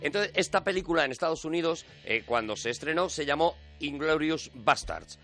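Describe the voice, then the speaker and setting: A man's voice: a little high, lively intonation, moderate pace, sharp tone, faint music behind. A man from Spain with a Spanish accent, chatting casually on a radio show and explaining things at length with hesitant fillers. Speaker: film commentator on a comedy radio show.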